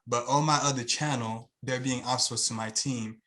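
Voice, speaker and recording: Speaking with a Haitian accent, this man from Haiti appears as a guest and channel owner in a casual video-call interview. He rambles earnestly, full of fillers, in a medium-pitched, steady, sharp-toned voice at normal speed.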